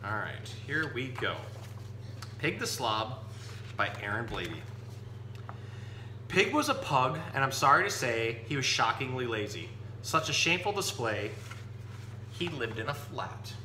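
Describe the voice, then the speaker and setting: This zookeeper teaches children informally about animals and reads them a picture book, speaking in a sing-song, medium-pitched voice. He goes a little slowly with long pauses, and the room's echo, background noise, and hum are audible.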